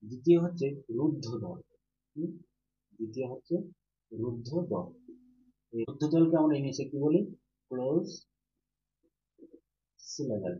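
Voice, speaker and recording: A man's voice: mid-range voice, moderate pace, long pauses, warm tone. A male teacher giving a grammar lesson to students. He asks questions, answers them himself, and repeats each key term. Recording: roomy, dull, with faint hum.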